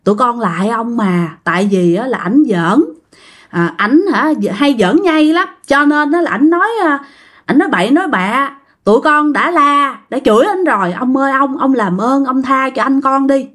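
Frightened young men begging for mercy, voiced by a woman narrator. The pleading is halting and full of fillers, in a high, lively voice.

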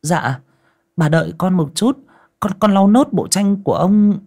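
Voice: mid-range voice, lively intonation, a little slow, darkish tone, pitched above the performer's own voice. A narrator voicing a timid young maidservant who stammers and sobs as she pleads. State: crying.

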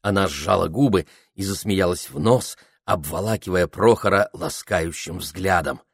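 A male narrator reads a novel aloud in a steady, measured way. His voice sits low, and the recording is dry and close with no room sound. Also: gravelly, breathy edge, dry recording. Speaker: audiobook narrator. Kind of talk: scripted literary narration.

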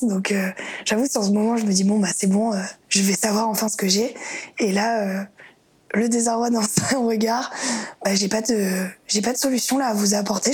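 Telling her own story in an interview, a young woman sounds hesitant and thoughtful, using lots of fillers. Her mid-range voice is slightly mellow, very breathy and husky.

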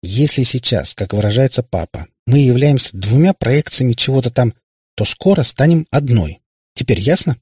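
A man's voice: medium pitch, animated, moderate pace, a little mellow, slightly rough, no room sound, studio quality, pitched above the performer's own voice. A male narrator voicing a cheeky young witch girl with a snarky, blunt manner.

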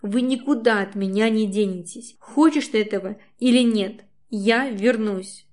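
A woman's voice: medium pitch, a little slow, a little mellow, natural voice. A woman voicing a stubborn, angry young man who speaks tensely and holds back his temper. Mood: determined.

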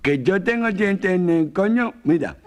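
A man voicing an outraged young village woman in a joke, shrill and indignant. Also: lively intonation, measured pace.

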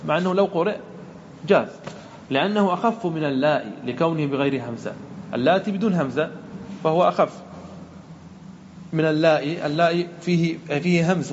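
Man, sheikh, grammar lesson, patient explaining, repeats forms, slow recitation, muffled lo-fi sound. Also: on the high side. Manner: slows to recite verses and example sentences. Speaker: sheikh teaching Arabic grammar. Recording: dull lo-fi recording with faint hiss.

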